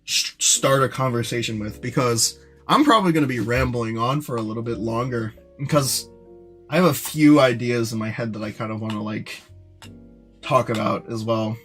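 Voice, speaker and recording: A young man streaming live, rambling casually to his chat with lots of fillers and restarts, in what he calls a monotone voice. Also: medium pitch, normal speed, faint music behind. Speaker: streamer and animator.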